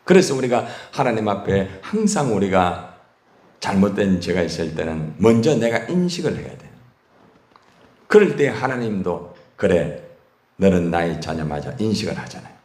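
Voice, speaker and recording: A man's voice: lowish voice, very animated, normal speed, a little mellow. A man who is a pastor, preaching a sermon and asking his congregation questions. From Korea. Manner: call-and-response questions to the congregation. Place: church sanctuary. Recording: echoey church hall.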